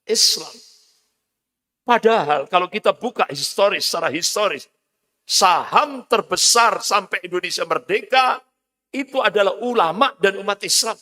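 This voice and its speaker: A man delivers an emphatic, declamatory sermon as an Islamic preacher, with Quranic recitation. His voice sits high and sounds bright and forceful. A long hall reverb trails his words.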